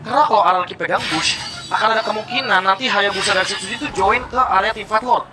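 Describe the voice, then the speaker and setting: A man's voice: high-pitched, quick pace, music in the background. A man working as an esports caster, giving casual, analytical match commentary. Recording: very noisy live event sound.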